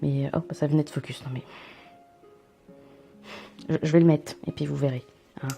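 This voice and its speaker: A woman's voice: deep voice, steady tone, moderate pace, creaky, dark tone, faint music behind. A young woman vlogging an unboxing at home into a camera mic, chatty and rambling with self-mocking asides. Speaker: vlogger unboxing a subscription box. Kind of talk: casual unboxing chat.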